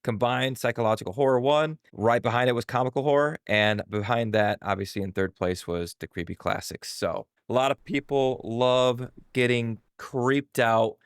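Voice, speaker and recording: A man's voice: medium pitch, moderate pace, few pauses, smooth, no room sound, studio quality. A man hosting a casual gaming podcast, upbeat and jokey as he runs through the segments. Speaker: podcast host.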